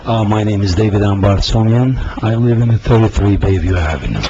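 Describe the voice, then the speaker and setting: A man from the Soviet Union, a resident making a halting, earnest public comment at a town council meeting, with many fillers and restarts. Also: fairly low pitch. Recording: dull lo-fi meeting recording with faint hiss.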